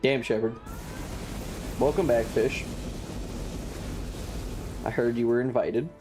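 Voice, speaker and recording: Over game music, a game streamer talks slowly in a medium-pitched voice with fairly even intonation. The livestream host keeps the gaming chat casual and curses freely.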